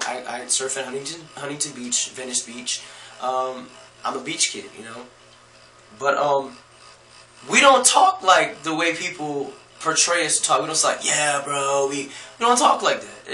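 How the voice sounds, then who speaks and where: A relaxed man with a Californian accent chats through a casual vlog, slangy and loose, with plenty of ums and you-knows. His voice is bright and forward. It rings a little in an echoey room. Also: mid-range voice. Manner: laid-back, slangy, many fillers. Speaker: vlogger.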